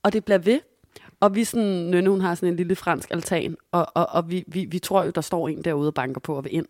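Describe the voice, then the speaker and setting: A woman's voice: fairly low pitch, dry recording, studio quality. A young woman co-hosting a podcast, telling a story in a casual chat and acting out the quotes. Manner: animated storytelling, acts out quotes. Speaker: podcast co-host.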